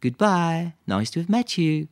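Brief: man doing upbeat teen girl, high and lively, dry close audiobook sound. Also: slow, no room sound, exaggerated voice. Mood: friendly. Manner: bright, confident, commanding with dogs. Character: cheerful English teenage girl, dog owner. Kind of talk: audiobook reading.

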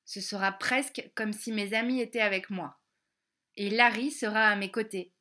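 A woman reading a children's storybook aloud, slowly and carefully spelling out each word, with little English lessons woven in. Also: mid-range voice, fairly even intonation, bright, forceful tone. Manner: slow, careful, clearly spelled-out words. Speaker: audiobook reader.

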